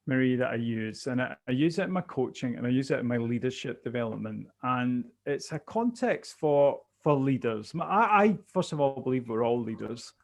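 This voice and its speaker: A man with a mid-range voice and a Glaswegian Scottish accent answers interview questions conversationally as a business coach. He thinks aloud, often repeating words as he goes.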